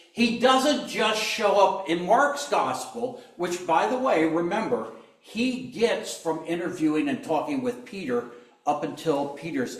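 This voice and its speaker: A man's voice: fairly high pitch, roomy sound. A man preaching a sermon, telling the story with humor and acting out the quoted lines. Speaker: pastor.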